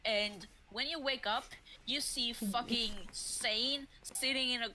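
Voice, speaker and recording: A woman's voice: fairly high pitch, fairly even intonation, slow, noisy background. A woman narrating as game master for a streamed tabletop game, loose and chatty, with many fillers and frequent laughs.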